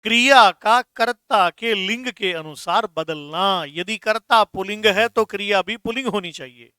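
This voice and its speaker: A man's voice: sits high, bright, forceful tone, clear, resonant tone, no room sound. A man teaching Hindi grammar in a patient lesson, repeating terms and addressing students fondly. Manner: explains slowly, repeats terms, calls students "beta". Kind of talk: classroom lesson.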